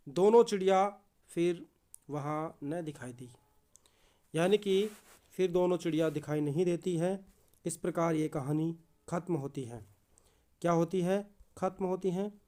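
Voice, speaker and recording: A man's voice: on the high side, a little slow, long pauses, warm tone. A man teaching a lesson, reading a story aloud and explaining it, often repeating key words as questions for the students. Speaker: Hindi teacher.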